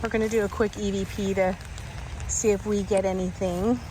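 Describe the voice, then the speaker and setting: A woman hosting a paranormal vlog, narrating casually and haltingly as she thinks aloud while walking outdoors. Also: mid-range voice, flat delivery. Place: outdoors in a cemetery, cold and rainy. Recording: noisy outdoor recording with vehicle noise.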